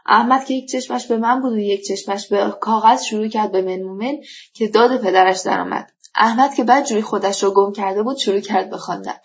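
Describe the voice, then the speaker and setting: A woman narrating a story in a measured, calm reading at a middling pitch. The recording sounds dull and lo-fi. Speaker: audiobook narrator.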